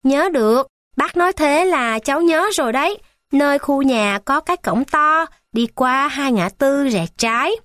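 A woman's voice: high-pitched, animated, measured pace, fairly bright tone, dry recording, studio quality, voice pushed up. Woman voicing a small tearful boy. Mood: eager. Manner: pleading, tearful. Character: small anxious boy who loves his mother.

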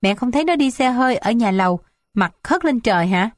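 Woman voicing a high, sulky rebellious daughter, dry close sound. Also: expressive, fairly quick, no room sound, close to an everyday voice. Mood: defiant. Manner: sulky, petulant, high-pitched. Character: defiant, spoiled young village daughter.

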